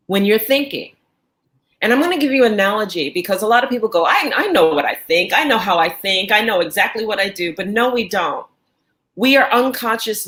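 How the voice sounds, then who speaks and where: A woman's voice: mid-range voice, fairly bright tone. Woman host explaining with analogies. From New York. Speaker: life coach and host. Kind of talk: casual podcast chat.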